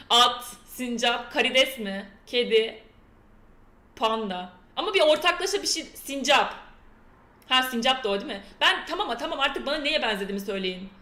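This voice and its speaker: Bright-voiced young woman streaming. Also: on the high side, expressive, moderate pace, reverberant. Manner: chatty, playful, reads quiz questions aloud to chat. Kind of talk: casual live-stream chat. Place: indoor room with a door that keeps slamming.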